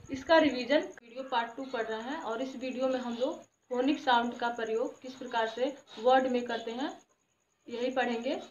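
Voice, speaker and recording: A woman's voice: high voice, reverberant, dull audio, a little hiss or hum. A woman teacher with a Hindi accent, patiently sounding out English letters and words syllable by syllable for young children. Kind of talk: slow phonics lesson for young children.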